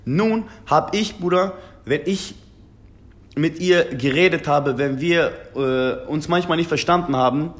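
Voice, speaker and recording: Sitting at a table indoors, a young German man in his twenties who raps speaks earnestly over a phone video call, saying "Bruder" to the interviewer again and again in this casual chat. His voice is slightly high and fairly bright, and his pace is measured.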